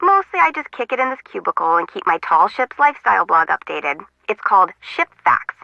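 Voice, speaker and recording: Goofy rambling young intern. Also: female voice, mid-range voice, big pitch swings, a little fast, vocal fry, bright, forceful tone, no echo, lo-fi sound, full character voice. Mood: chatty. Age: young adult. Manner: rambling, joking, self-mocking. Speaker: harbor controller's intern.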